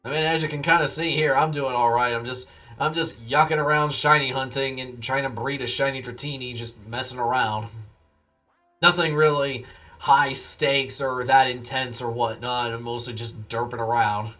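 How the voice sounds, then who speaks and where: A man's voice: mid-range voice, fairly even intonation, normal speed, sharp tone, soft background music. Tired, laid-back man chatting on stream. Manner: laid-back and rambling, replies to chat messages. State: tired, yawning after a long day. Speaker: live streamer. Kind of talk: casual live-stream chat to viewers.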